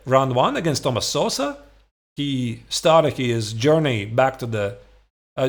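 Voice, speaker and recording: A man in his forties coaches chess in a fairly high voice with very animated intonation. He explains conversationally and leans on certain points, often checking that the listener follows. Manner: conversational, emphatic, rhetorical check-ins like "right?". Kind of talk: instructional chess commentary, explaining opening lines. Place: small home room, indoors.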